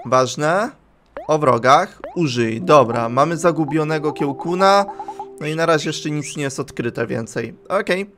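A young man hosting a gaming channel, giving casual let's play commentary in a lively, chatty manner, talking straight to his viewers and reading the game's text out loud. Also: on the high side, unhurried, slight background noise. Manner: lively and chatty, addresses viewers directly, reads game text aloud.

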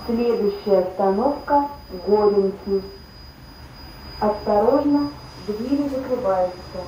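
A woman making formal, measured train announcements heard over an intercom. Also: medium pitch, loud music behind the voice. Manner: measured, official. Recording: echoey distant loudspeaker in noisy train.

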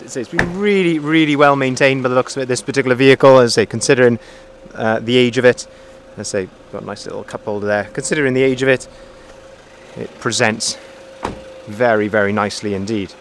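A man, a car salesman, walking around a used pickup outdoors and calmly pointing out its features. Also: mid-range voice, brisk, slight background noise. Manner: friendly, methodical, repeats phrases. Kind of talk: walkaround vehicle review. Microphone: handheld phone camera, filming himself off-screen.

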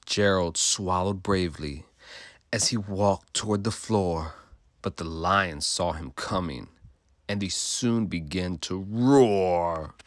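A man's voice: sits low, slow pace, no echo, studio quality. A male teacher reading a rhyming picture book aloud to children in a sing-song way, stopping to ask them questions.

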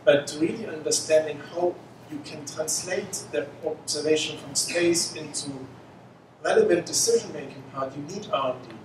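Man, 40s, panel talk, halting, fillers, handheld mic, noisy echoey hall. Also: fairly high pitch, far from the mic. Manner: halting, many fillers and restarts. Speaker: panelist, mission scientist. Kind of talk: conference panel remarks. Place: conference room, indoors.

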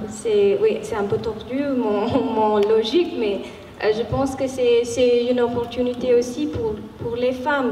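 A young woman with a foreign accent in French, not a native speaker, talking haltingly and searching for words on a panel. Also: a little high, warm tone. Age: young adult. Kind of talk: unscripted panel talk. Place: large warehouse hall with seated audience. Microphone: handheld microphone. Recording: echoey hall, distant, background noise.

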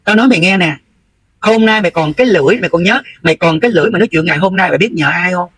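A high-voiced, middle-aged man with a Southern Vietnamese accent, holding forth in a scolding, confrontational livestream rant. His voice is husky and a little rough at the edges. He presses each point bluntly, as if lecturing someone directly in front of him. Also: expressive, racing, fairly bright tone, no room sound, poor audio. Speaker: livestream host.

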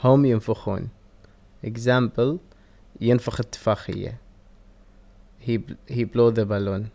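A man with a Kuwaiti accent reads verb drills for a language lesson, one word at a time. His pace is slow and measured. His voice sits at an ordinary middle pitch. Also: fairly even intonation, gravelly, mellow. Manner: slow, deliberate word-by-word reading. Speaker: Arabic teacher. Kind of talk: reading vocabulary drills.

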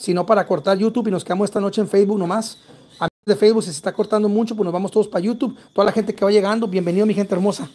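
A man with a Mexican accent hosting a live paranormal investigation stream, urgent, calling out loudly to a spirit and then dropping to hushed whispers. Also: sits high, steady tone, rapid-fire. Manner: urgent, shifts between loud calls to a spirit and hushed whispers. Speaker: paranormal livestream host.

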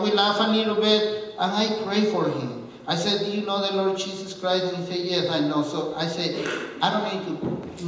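Male preacher with a high voice who tells stories earnestly, recorded from a distance in a roomy hall. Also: a bit bright, slight background noise. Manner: earnest storytelling, quotes the speech of others. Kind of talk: sermon. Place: church. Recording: echoey hall from far off.

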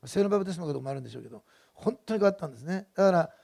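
A man's voice: fairly high pitch, expressive, very fast, gravelly, dark tone. A middle-aged male pastor preaching a sermon in a conversational, digressive way, with many fillers and personal stories.

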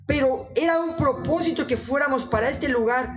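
A man preaching informally in an earnest, exhorting way, often halting and restarting his sentences. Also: very high-pitched, over music, low-quality recording.

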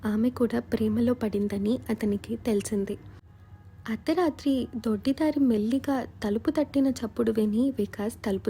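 A woman storyteller reads a story in a steady, measured way. Her voice is husky and deeply mellow, with a fairly high pitch. The whole reading has a scripted audio-story feel. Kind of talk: scripted narration.

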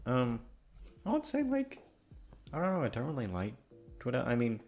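This audio content creator's medium-pitched, darkish voice swings widely in pitch at a moderate pace, with faint music behind. He chats to his listeners in a hesitant, rambling way, putting himself down and swearing.

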